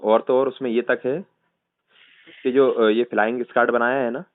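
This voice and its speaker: A man with a central Indian Hindi accent explains things persuasively on what sounds like a tinny recorded phone call, with no echo. His medium-pitched voice has fairly even intonation at normal speed, and he keeps seeking agreement through frequent tag questions.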